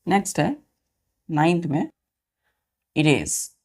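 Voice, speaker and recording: Drilling English vocabulary with exam students, a woman teacher spells every word out letter by letter and says its meaning several times, often asking the children if it's clear. Her slightly low voice is very animated and darkish, and she speaks slowly.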